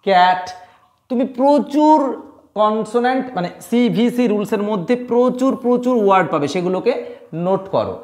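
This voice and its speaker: A man's voice: high-pitched, darkish tone. A man teaching English pronunciation, explaining each rule step by step and repeating the key words. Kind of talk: spoken English lesson.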